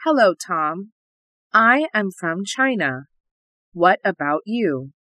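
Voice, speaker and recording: A woman reading an English listening test in a slow, carefully enunciated way. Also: medium pitch, big pitch swings, sharp tone, no room sound. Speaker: test audio reader.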